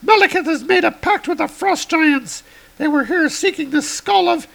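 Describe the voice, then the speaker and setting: A man voicing a stern young warrior woman from a comic, in a much higher voice with formal, measured speech. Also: vocal fry, a bit bright, full character voice. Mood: stern calm.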